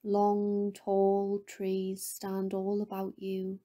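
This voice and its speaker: In a monotone, mid-range voice, a woman guides listeners through meditation. Her delivery is soft, breathy, and often near a whisper, soothing and gentle, with phrases separated by lingering pauses.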